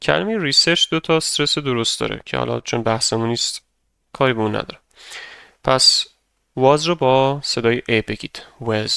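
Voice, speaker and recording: A young male teacher walks through a grammar lesson patiently, step by step. His voice is bright and smooth, and he says example sentences slowly for students to repeat. The recording is dry and close to the mic. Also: mid-range voice, no echo. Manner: patient, explains step by step, models English sentences slowly for repetition. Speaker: English teacher. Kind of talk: grammar lesson narration over slides.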